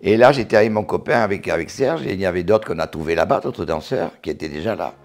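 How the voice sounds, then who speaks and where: A retired dancer in his eighties, speaking with a southern French accent from Montauban, looks back on his life in an interview. His voice is low and he often halts and repeats words as memories return, with soft music playing in the background.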